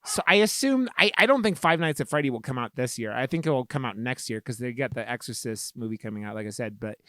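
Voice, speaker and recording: A young man chatting loosely as a podcast co-host. He rambles, swears and stacks up fillers, in a middle-pitched voice. The sound is dry and close to the mic. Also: expressive, fast talker, a bit bright, no echo. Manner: rambling, profane, many fillers. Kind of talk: casual chat.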